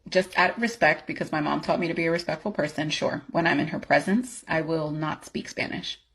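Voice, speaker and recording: A woman's voice: low-pitched, steady tone, brisk, a bit bright, husky, exaggerated voice, low-quality recording. A woman playing an assertive, sardonic office employee in a workplace comedy skit, speaking firmly, bluntly and with sarcasm. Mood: curt, composed. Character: assertive, sardonic female office employee who refuses unpaid work.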